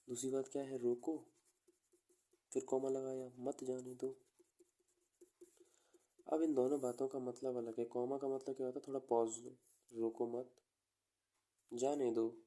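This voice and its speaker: A man teaching an exam coaching class, explaining with everyday examples and dictating notes slowly. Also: mid-range voice, dark tone. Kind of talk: classroom lecture.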